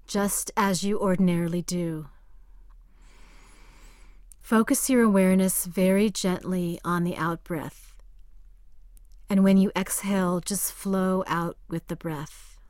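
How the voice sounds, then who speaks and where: A woman guiding a meditation in a soft, calm voice that sometimes drifts into a whisper. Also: mid-range voice, no room sound, studio quality. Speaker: meditation guide. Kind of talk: guided meditation.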